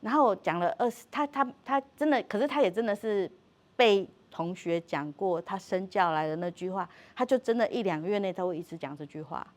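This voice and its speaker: Animated woman giving a parenting talk. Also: mid-range voice, a little fast. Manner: animated, acts out quoted dialogue, repeats words, laughs often. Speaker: parenting workshop speaker.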